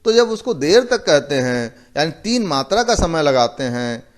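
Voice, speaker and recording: A male teacher giving a slow, methodical lecture, repeating each term and explaining it with simple examples. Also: fairly high pitch, big pitch swings. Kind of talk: recorded classroom lecture.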